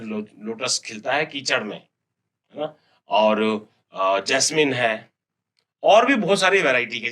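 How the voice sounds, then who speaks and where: A man with an Indian accent teaching an English lesson to schoolchildren, repeating words slowly and spelling them out letter by letter. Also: medium pitch, fairly bright tone. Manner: slow, drawn-out repetition of words and spelling, letter by letter.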